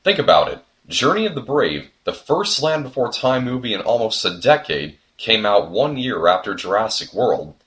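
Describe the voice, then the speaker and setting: A man's voice: on the low side, sing-song, normal speed, few pauses, fairly bright tone. A young man narrating a scripted video essay, earnest and reflective, with the odd sudden comic outburst.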